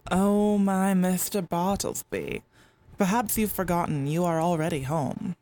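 A woman's voice: lowish voice, animated, warm tone. A woman doing an oily mock-polite henchman. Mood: menacing. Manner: slow, silky, threatening politeness.

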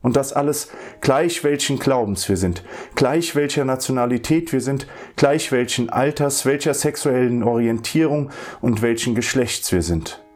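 A man giving a formal spoken address to introduce a short radio play, measured and solemn in manner. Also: medium pitch, darkish tone.

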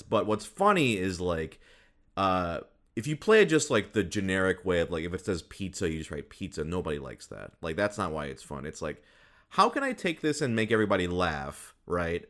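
A man with a fairly low voice chats about games on a podcast. His delivery swings up and down expressively, loose and rambling, broken up with laughter. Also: brisk. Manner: relaxed, rambling, laughs often. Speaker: podcast host. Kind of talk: casual chat.

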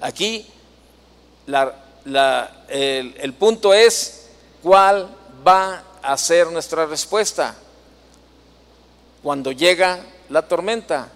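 A man's voice: fairly high pitch, very slow, pauses often, fairly bright tone, big-room sound. A man preaching a sermon, telling a personal story in a conversational way, full of fillers and tag questions. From Mexico.

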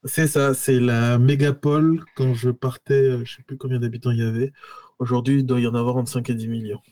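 A man's voice: medium pitch, level tone, fairly quick, dark tone, no room sound. A man from Côte d'Ivoire, a podcast guest, explaining in an easygoing way with many fillers. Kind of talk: casual interview.

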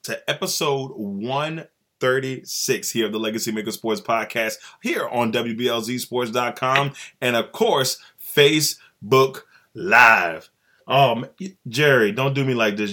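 A man hosts a sports podcast in a relaxed, joking way. His voice is bright and forward. He keeps up an easy banter with his cohost. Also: mid-range voice, moderate pace. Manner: laid-back, joking, chatty with cohost. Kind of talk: casual sports podcast chat.

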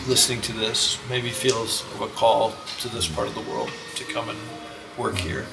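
A man's voice: lowish voice, normal speed, gravelly. A man with a conversational style, putting questions to a guest as the interviewer. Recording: music under the voice. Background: music.

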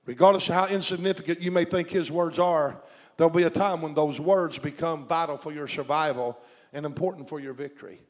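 A man's voice: on the high side, fairly even intonation, a little fast. A man with a Southern US accent preaching a sermon in short, emphatic phrases. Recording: long echoing hall reverb.

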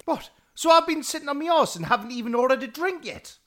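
A man's voice: extremely high pitch, expressive, quick pace, fairly bright tone, soft background music. A man in his thirties, complaining and grumbling as a player in a tabletop game. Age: 30s.

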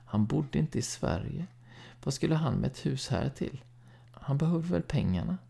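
A man with a gravelly voice voicing a dazed, distant mother who answers in a flat, toneless way. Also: mid-range voice, voice pushed up.

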